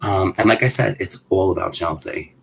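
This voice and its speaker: Low gravelly-voiced man rambling excitedly. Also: moderate pace, a little hiss or hum, low-quality recording. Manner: rambling, excitable, self-interrupting. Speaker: vlogger. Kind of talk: casual chat while handling a doll.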